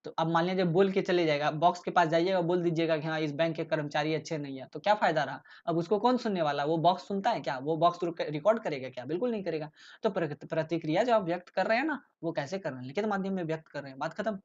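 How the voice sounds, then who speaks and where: This man talks fast with hardly a pause, his voice on the high side and a little mellow, with the top end cut off. As a tutor covering exam topics in a relaxed lecture, he leans on rhetorical questions and keeps checking in, often saying "ठीक है".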